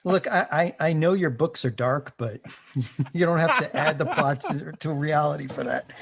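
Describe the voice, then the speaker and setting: A man in his forties co-hosting a casual podcast over a video call, wry and halting. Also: fairly high pitch, creaky, slight background noise. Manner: wry, dry humor, halting restarts. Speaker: podcast co-host. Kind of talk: casual chat. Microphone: recording over a video call.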